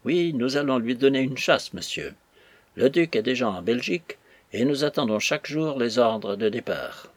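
A man's voice: mid-range voice, moderate pace, no echo, natural voice. A man reading as an earnest young captain. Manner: calm, polite, persuasive. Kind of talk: audiobook character voice.

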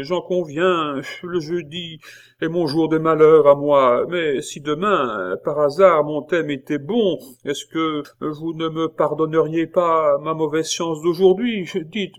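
A man's voice: on the high side, measured pace, pitched above the performer's own voice. A man voicing an anxious, clumsy teenage schoolboy begging his teacher for mercy. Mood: pleading. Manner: begging, wheedling.

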